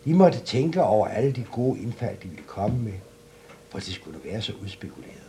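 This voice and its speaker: A man reading a fairy tale aloud as a storyteller, in an expressive, animated way. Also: lowish voice, slight background noise.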